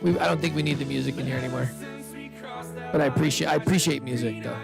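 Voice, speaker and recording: At a live pitch event indoors, a host who's also an investor talks fast and casually to the audience through a handheld microphone. He's upbeat and chatty, restarting loosely, with vocal fry and music in the background.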